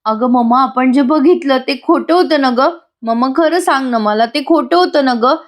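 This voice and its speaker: A woman's voice: sits high, normal speed, voice pushed up, close to an everyday voice. A woman reading the lines of a distressed young pregnant wife in a serial recap, pleading and tearful. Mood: distraught.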